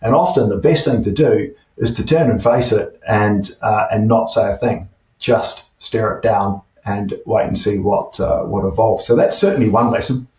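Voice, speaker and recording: A man's voice: fairly low pitch, moderate pace, a little mellow. A man in his fifties with a New Zealand accent, a tech CEO talking through his past as an interview guest, hesitant with many fillers and restarts. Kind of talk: casual interview chat. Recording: distant, dull, roomy remote audio.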